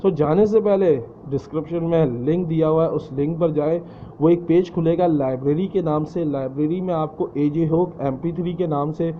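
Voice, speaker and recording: A man's voice: on the high side, muffled recording, a little hiss or hum. A man teaching English in Urdu, often repeating words for emphasis and slipping in English phrases. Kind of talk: spoken lesson explaining English in Urdu.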